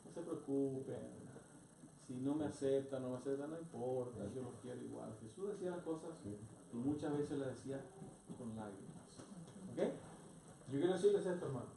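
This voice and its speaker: A man's voice: mid-range voice, moderate pace, vocal fry. A male pastor preaches earnestly, often asking his listeners short rhetorical questions. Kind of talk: sermon. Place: church hall. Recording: echoey church hall from far off, noisy.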